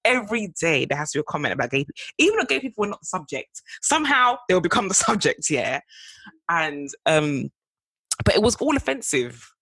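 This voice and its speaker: A woman's voice: lowish voice, sing-song, a little fast, fairly bright tone, slightly rough, dry recording. A young woman, chatting casually as a podcast co-host, often laughing and trailing off mid-sentence. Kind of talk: casual chat.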